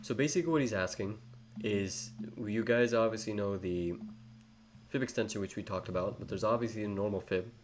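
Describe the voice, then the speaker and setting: A young trading educator with an English accent speaks fairly quickly in a lowish voice. He meanders through a live tutorial, frequently using fillers and correcting himself, over faint background noise.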